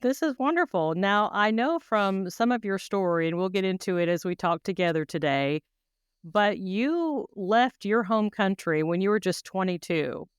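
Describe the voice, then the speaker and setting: A woman's voice: mid-range voice, expressive, moderate pace, clear, resonant tone, dry recording, studio quality. Effusive woman podcast host. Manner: warm, effusive, talks in long run-on questions. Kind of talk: podcast interview.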